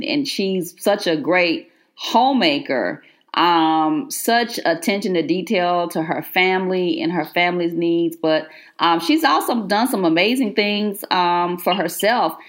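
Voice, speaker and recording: A woman hosting a podcast draws out her guests with encouraging questions. Her voice sits on the low side. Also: measured pace. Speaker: podcast host. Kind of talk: interview.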